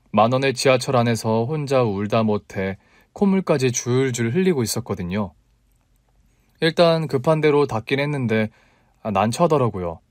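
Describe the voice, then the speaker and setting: Brief: male narrator, mid pitch, soft storytelling, dry close mic. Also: dry recording. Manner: gentle, even storytelling. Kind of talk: first-person story reading.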